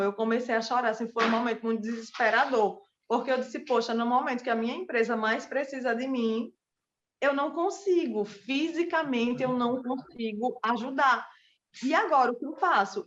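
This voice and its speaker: A woman's voice: a little high, lo-fi sound, a little hiss or hum. A woman who teaches pole dance and runs a small business, telling her personal story earnestly and speaking straight to her listeners. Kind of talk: personal testimony.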